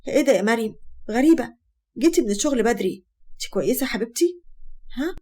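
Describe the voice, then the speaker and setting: A sly younger sister with an Egyptian accent, voiced by a woman narrator in a spoken storybook tale. Her voice is fairly high and quick, and she whines and pleads. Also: expressive, warm tone. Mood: fussing. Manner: whiny, pleading.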